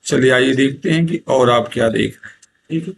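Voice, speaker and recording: A man teaching a poetry lesson, asking questions and answering them himself, reading English lines slowly and then explaining them. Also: medium pitch, creaky, slight background noise. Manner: slow, patient, asks and answers his own questions.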